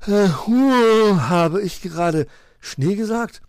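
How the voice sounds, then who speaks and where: A man's voice: on the low side, wildly swooping pitch, moderate pace, dry recording, clean studio sound, exaggerated voice. A man voicing a cheerful young male owl who yawns and jokes in rhymes. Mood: excited. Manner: yawning, playful, rhyming.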